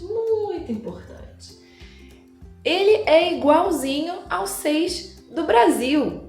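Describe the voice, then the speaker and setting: A Carioca woman teaching a language lesson at an unhurried, careful pace, her voice sitting a little high. She draws out example words and keeps checking in with her listener. The recording sounds echoey, with faint music underneath. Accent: Carioca Brazilian Portuguese. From Rio de Janeiro, Brazil. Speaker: Spanish teacher.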